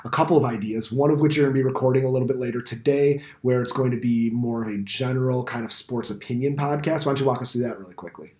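A middle-aged man with an American accent hosts a podcast in a casual interviewing style. His voice sits at an average pitch. The room adds noticeable echo around it. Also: fast, few pauses, a little mellow. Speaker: podcast host and teacher. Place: indoor school podcast studio. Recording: roomy, reverberant room sound.

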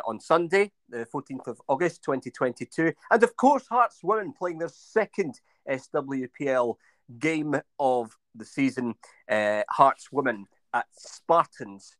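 A man from England co-hosts a football podcast, chatting casually but hesitantly with many fillers and restarts. His voice is medium-pitched and a bit bright, with no room sound.

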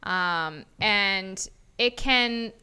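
A woman co-hosting a casual fitness podcast, laid-back and quick to laugh along. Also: mid-range voice, bright, forceful tone, clean tone. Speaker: podcast co-host.

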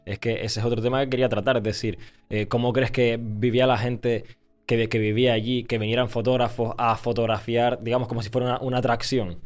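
A man's voice: mid-range voice, flat delivery, fairly quick, soft background music. A man hosting a casual interview, who mostly agrees briefly and asks follow-up questions. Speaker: interview host.

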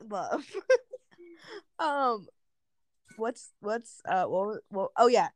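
Chatty teen girl with a lively voice. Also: mid-range voice, extremely slow, no echo. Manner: chatty, lots of "like" fillers and giggles. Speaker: podcast co-host. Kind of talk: casual chat.

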